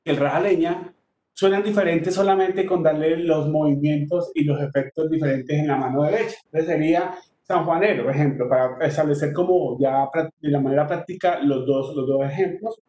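High-voiced man counting beats in a lesson. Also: steady tone, moderate pace, warm tone. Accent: Colombian Spanish. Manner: counts beats aloud and chants strumming patterns. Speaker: music teacher. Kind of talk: online workshop lesson on tiple rhythms. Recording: echoey room with guitar.

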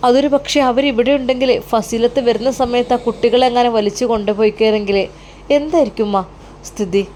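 A woman voicing a calm, reassuring young adult son, speaking earnestly. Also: a little high, brisk, slight background noise, natural voice. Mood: soothing. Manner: soothing, steady, earnest.

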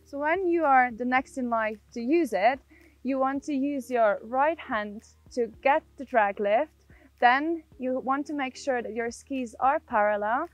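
A woman's voice: high-pitched, measured pace, no room sound. A young woman, a ski instructor, explaining technique step by step in an outdoor tutorial. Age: young adult. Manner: step-by-step, often checking with "yeah?". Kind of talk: instructional tutorial presented to camera. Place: outdoors on a snowy ski slope. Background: background music.

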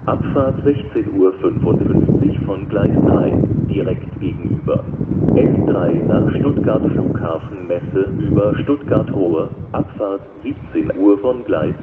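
Low, slow man making flat platform announcements. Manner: measured, formal, flat delivery in set phrases. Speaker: railway station announcer. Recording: dull lo-fi recording with loud station noise.

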